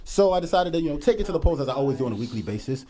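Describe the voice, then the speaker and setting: Fast-talking hype podcast host man. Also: on the high side, crowd noise. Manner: hype, slangy, animated. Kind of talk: casual podcast chat.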